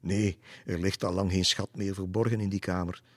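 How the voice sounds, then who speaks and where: A man's voice: low voice, level tone, normal speed, no room sound, clean studio sound. Man doing a cheeky, knowing boy. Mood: teasing. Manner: teasing, knowing. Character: cheeky boy who knows the castle's ghosts.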